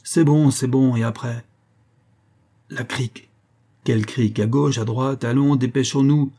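A man's voice: medium pitch, fairly even intonation, unhurried, dark tone. A man reading aloud, voicing a cruel male convict bandit who tortures a prisoner with a mocking, hissing manner. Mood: impatient. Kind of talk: audiobook character voice.

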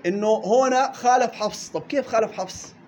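A man teaches recitation in a quick, fairly high voice, running through lists of readings at speed. He slows right down whenever he recites a word. A faint hiss sits under the classroom recording. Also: darkish tone. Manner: lists reading variants briskly, drawing out recited words slowly. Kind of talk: classroom tajweed lesson.

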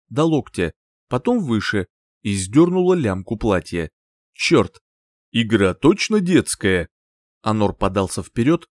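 A man reading an audiobook in first person, expressive and lively, close to the mic. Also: mid-range voice, no echo. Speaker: audiobook reader. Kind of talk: scripted narration.

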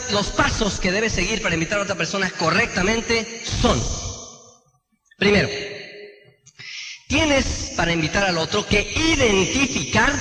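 A man giving a motivational sales training talk, animated and often asking his audience rhetorical questions. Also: high-pitched. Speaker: network marketing trainer. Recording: echoey hall with long reverb.

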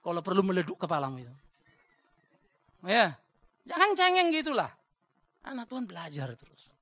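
A male pastor with a Batak accent preaching a sermon in a blunt, joking, animated way. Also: high voice, moderate pace, no room sound. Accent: Batak Indonesian.

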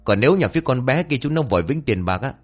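A man's voice: medium pitch, expressive, fast talker, faint music behind, voice pushed up, close to an everyday voice. A man voicing a stubborn, arrogant middle-aged father who dismisses complaints. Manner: dismissive, blustering.

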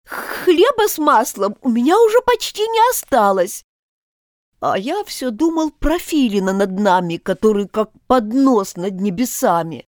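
A woman voicing a nervous male hatter on trial, stammering and pleading slowly. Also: sits high, a little mellow, no echo, clean studio sound, pitched above the performer's own voice.

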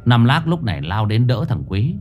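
A man narrating a ghost story in a dramatic, expressive way. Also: medium pitch, normal speed. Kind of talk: scripted horror story narration. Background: faint music.

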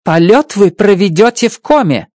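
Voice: medium pitch, lively intonation, normal speed, no echo, clean studio sound, voice pushed up, lightly acted. A reader voicing a stern, domineering woman mission chief who barks orders in an audiobook. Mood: coolly firm. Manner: shouting, harsh and domineering. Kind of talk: audiobook character voice.

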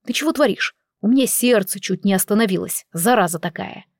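A woman's voice: medium pitch, expressive, brisk, no room sound, clean studio sound, close to an everyday voice. A woman reading a story aloud, voicing a man who fondly scolds his dog in a half-joking way. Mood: fond scolding. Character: man, dog owner, relieved and scolding gently.

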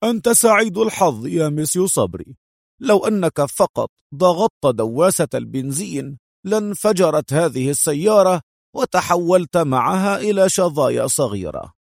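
A man's voice: a little high, big pitch swings, moderate pace, gravelly, dry recording, studio quality, voice pushed up, heavily acted. A man voicing a casual male bomb disposal expert in an audiobook, speaking offhandedly. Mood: offhand.

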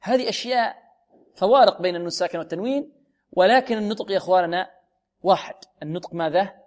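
Male recitation teacher with a high voice who drills pronunciation through questions and slow recited examples. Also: a little mellow. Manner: explains and drills pronunciation, asks questions then answers them. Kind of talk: tajweed lesson with recited examples.

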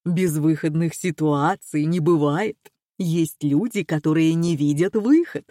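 A woman's voice: low voice, a little slow, dark tone, no echo, clean studio sound. A woman voicing a condescending man who talks in a sweet, sing-song way. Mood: sugary.

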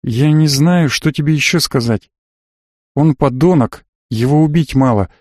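A man voicing a quiet, earnest young man who pleads and confides through a closed door. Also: on the high side, measured pace, no room sound, studio quality.

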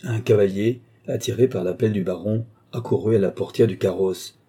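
A man reads a classic novel aloud in a measured, even way. His voice sits low and dark, with a husky edge to it. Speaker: audiobook narrator. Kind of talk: scripted narration of a classic novel.

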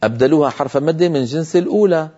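A middle-aged man gives a recitation lesson in a mellow, warm voice. He exhorts his listeners earnestly and stretches vowels out to show how they sound. The audio is dull and lo-fi, like an old broadcast. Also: on the high side, racing. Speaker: Quran recitation teacher. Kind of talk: tajweed lesson lecture.

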